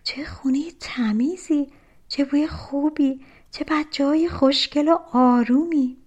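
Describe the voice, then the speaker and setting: A woman voicing a kind mother in a fairy tale who praises a girl and gives her gentle instructions. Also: mid-range voice, expressive, highs cut off, lightly acted. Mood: amazed.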